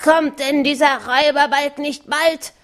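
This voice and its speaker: A woman's voice: high voice, steady tone, unhurried, fairly bright tone, pitched above the performer's own voice. A woman voicing a rickety, bald old robber in a storybook reading, grumbling and impatient. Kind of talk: audiobook reading.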